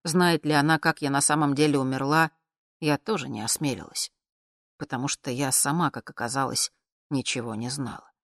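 An audiobook narrator reading an expressive, tormented story with dramatic swings between muted and loud. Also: medium pitch, dry recording, studio quality.

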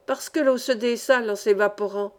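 A woman voicing a learned, genial older engineer who explains science in measured sentences in a read-aloud novel. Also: a little high, fairly even intonation, darkish tone, lightly acted. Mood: instructive. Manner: instructive, measured.

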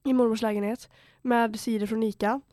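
Telling a story in relaxed podcast chat, a Swedish teenager from Borås, under eighteen, leans on slang, swearing and performed quotes. She has a fairly high, mellow voice with fairly even intonation, captured in a dry, clean studio recording.

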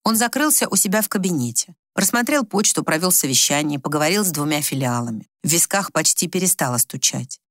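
Low-voiced woman reading a story. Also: animated, fairly quick, hardly any pauses, a bit bright, no room sound, studio quality. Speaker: narrator. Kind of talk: audiobook narration.

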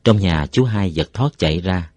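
A man narrating a story in a steady, unhurried reading voice. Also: deep voice, dry recording.

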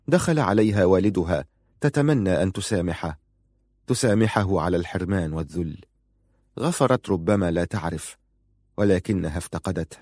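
Deep-voiced man reading a novel. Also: a little mellow, no echo, studio quality. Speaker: audiobook narrator. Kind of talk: scripted narration of a novel.

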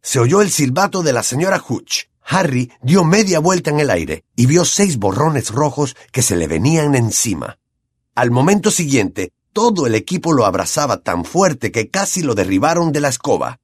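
A man with a Latin American Spanish accent reads an audiobook with lively, swinging intonation at a middle pitch. His voice is husky, and the recording is close and dry. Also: moderate pace, no room sound. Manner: expressive, animated reading. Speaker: audiobook narrator. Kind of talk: audiobook narration.

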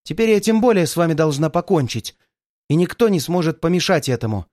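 A man's voice: a little high, very animated, brisk, no echo, studio quality. A man voicing a furious murderous actress. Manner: threatening, mocking, shouting in fury. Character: cold murderous young woman, stage performer.

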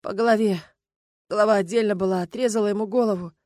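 A numb, grieving man, as a woman reads him in an audiobook, his words dull and flat. The sound is dry and close. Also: mid-range voice, quick pace, dry recording, close to an everyday voice. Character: shaken grieving middle-aged man. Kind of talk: audiobook narration.

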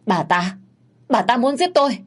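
A woman's voice: fairly high pitch, lively intonation, moderate pace, breathy edge, pitched above the performer's own voice. A woman doing a panicked, accused young woman. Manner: panicked, defensive.

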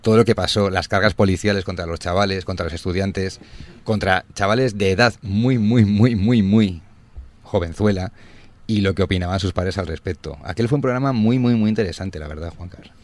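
A deep-voiced man hosts a casual radio program. He rambles through anecdotes in an easy, chatty way, picking up speed when a story gets good. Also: a little fast. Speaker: radio show host.

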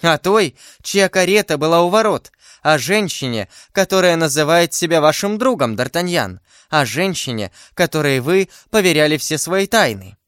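Constance, a man putting on a high pleading young woman. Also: animated, normal speed, hardly any pauses, fairly bright tone, dry recording, studio quality. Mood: anxious. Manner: breathless, pleading. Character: young woman, frightened and fading.

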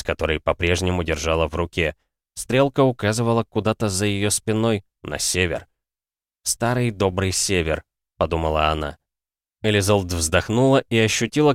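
A man narrating an audiobook in a steady, even storytelling manner. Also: on the low side, no room sound, studio quality.

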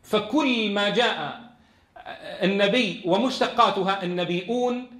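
Man teaching a quran class, high voice, reads then explains, roomy echo. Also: a little slow, a bit bright. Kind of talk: classroom lesson explaining a text.

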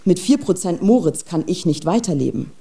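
A woman's voice: lowish voice, expressive, normal speed, mellow. A woman playing a brooding adult woman scientist in a radio drama, speaking in a pensive, philosophical monologue.

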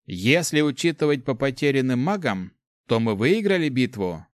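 A man's voice: medium pitch, expressive, normal speed, no echo, studio quality, pitched above the performer's own voice, lightly acted. A man reading a fearful, deferential messenger reporting to his lord, in an audiobook. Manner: timid, mumbling, deferential.

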